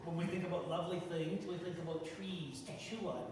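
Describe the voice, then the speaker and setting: A man voicing an earnest beaver puppet in a children's show, hesitant and halting as he thinks aloud. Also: a little high, a little mellow, lightly acted. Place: large church room with live audience. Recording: echoey hall, far from mic, faint noise.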